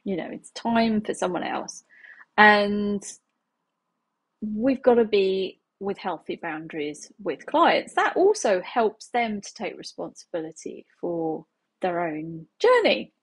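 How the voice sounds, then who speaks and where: A woman's voice: mid-range voice, big pitch swings, slow, creaky, breathy edge. A woman in her thirties, a healing practitioner, talking casually to camera from her living room, chatty and laughing often. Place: small home living room, indoors.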